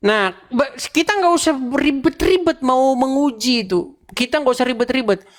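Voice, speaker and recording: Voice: high voice, lively intonation, moderate pace. An online show host in a mocking debate commentary, sarcastic and laughing as he fires off rhetorical questions to the viewers. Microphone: own camera, livestream.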